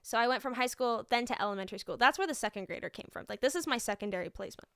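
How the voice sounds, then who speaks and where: A woman's voice: a little high, animated, rapid-fire, a bit bright, clear, resonant tone, dry recording, clean studio sound. A young woman, a student teacher streaming, telling funny classroom stories in casual chat with lots of fillers and laughter. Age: young adult. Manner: chatty storyteller, laughing often, lots of fillers.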